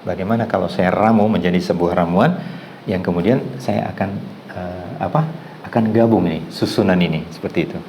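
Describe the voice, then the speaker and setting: A middle-aged man with a very low, deep voice teaches a massage class in a storytelling way. He acts out the people in his anecdotes and laughs along the way, with a faint room hum behind him. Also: fairly quick, vocal fry, darkish tone, rough recording. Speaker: massage therapy instructor.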